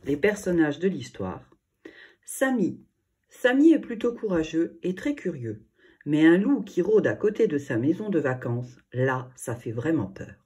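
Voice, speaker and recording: A woman narrating a children's audiobook with expressive storytelling. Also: low voice, measured pace, breathy edge.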